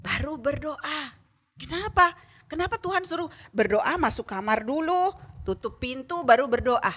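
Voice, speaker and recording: A woman teaching a children's Sunday school lesson in a lively way, often asking the children questions. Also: high-pitched, normal speed.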